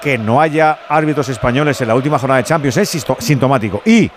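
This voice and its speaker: A man's voice: medium pitch, animated, fast, a little hiss or hum. A man with a Castilian Spanish accent hosting live sports radio, including sponsor reads.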